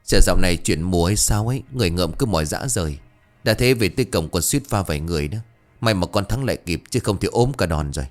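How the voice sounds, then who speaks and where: A man's voice: low voice, expressive, fast talker. A man voicing a brash grown son who talks back defiantly and dismissively.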